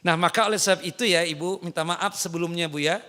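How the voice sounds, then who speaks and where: A man's voice: high-pitched, fast. A man, preaching to women and teasing them with questions. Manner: lively, teasing, asks the audience questions. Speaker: Islamic preacher. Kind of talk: sermon to women. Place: mosque.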